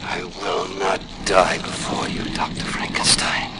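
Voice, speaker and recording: A man performing a dramatic monologue as an anguished, lonely male monster, moving between hushed whispers and desperate shouts. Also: low voice, flat delivery, unhurried, vocal fry. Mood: menacing. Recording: noisy recording with clicks.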